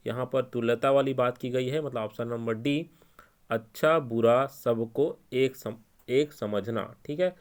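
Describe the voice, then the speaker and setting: A man with a Chhattisgarhi Hindi accent teaching an exam-prep lesson, explaining each answer step by step and repeating the key points. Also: mid-range voice.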